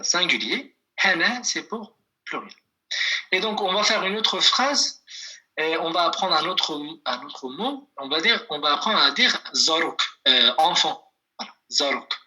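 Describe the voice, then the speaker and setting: Over a video call, a man teaches a language class, speaking slowly and patiently as he repeats phrases and calls on students by name. His voice leans high, with a sharp tone.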